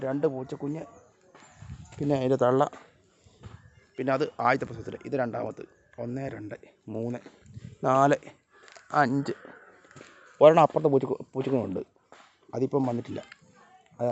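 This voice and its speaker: A man with a mid-range voice films a casual vlog outdoors around his house while feeding his pets. He chats softly to viewers but raises his voice to call and scold his cats and dogs. The phone audio is slightly dull and lo-fi.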